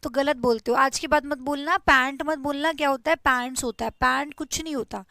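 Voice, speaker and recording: A young woman gives a Hindi-language lesson on English grammar, patiently explaining, repeating every word for her students, and drilling spellings. Her high voice is brisk and a bit bright, and the recording is dry.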